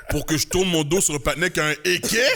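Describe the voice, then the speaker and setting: A man with a Québécois accent, a podcast co-host reacting with quick, teasing slang in casual chat. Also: a little high, sharp tone.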